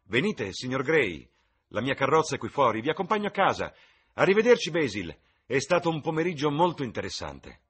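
Picture a witty, provocative aristocratic dandy tossing off epigrams, as a male reader puts him on in a storybook reading. His voice rides higher and louder than the reader's own deep tone, with a husky edge and lively, swooping pitch. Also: fairly quick. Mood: playful. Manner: ironic, theatrical, declaiming epigrams. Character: witty languid aristocratic gentleman, playful and provocative.

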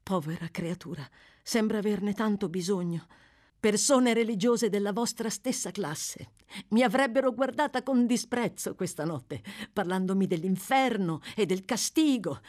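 A woman voicing a frightened young woman of the streets, speaking in an urgent, bitter hush. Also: medium pitch, moderate pace, pitched above the performer's own voice, natural voice. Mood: bitter pleading.

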